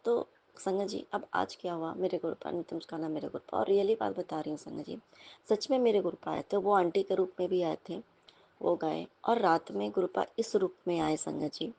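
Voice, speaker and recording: Devotional storyteller: young woman, gravelly low-clarity voice, earnest and personal. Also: fairly quick, dark tone. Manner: earnest, repeatedly addressing the listeners as sangat ji. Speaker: satsang speaker. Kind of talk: devotional sharing of personal experiences.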